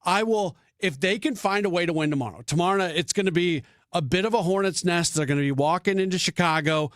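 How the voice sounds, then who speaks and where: A man's voice: high voice, quick pace, a bit bright, no room sound, studio quality. A man hosting sports radio talk, thinking aloud with frequent restarts and fillers.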